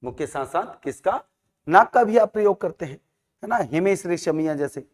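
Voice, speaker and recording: Speaking at normal speed in a voice that sits high and lively, a man runs a lesson where he repeats sounds over and over and answers his own questions. It's a classroom lecture captured with long, hall-like reverb.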